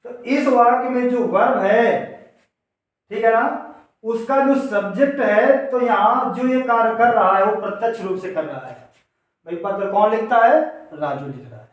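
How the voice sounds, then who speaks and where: Male teacher, high-pitched, distant from the mic, step-by-step classroom explaining, asks and answers his own questions. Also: lively intonation, normal speed. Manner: addresses students directly. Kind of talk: classroom grammar lesson. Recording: echoey room, voice away from the mic.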